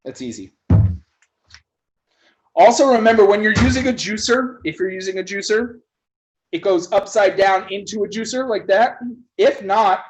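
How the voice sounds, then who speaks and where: A man with a slightly high voice runs a casual online cocktail class. He talks like a bartender among friends, loose and joking, with the odd casual swear.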